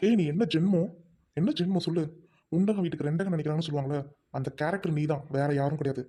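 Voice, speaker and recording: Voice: medium pitch, fast, mellow, soft background music, close to an everyday voice. Someone voicing a reproachful young husband. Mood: angry. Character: young husband, torn between wife and elder brother. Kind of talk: Tamil audio drama acting.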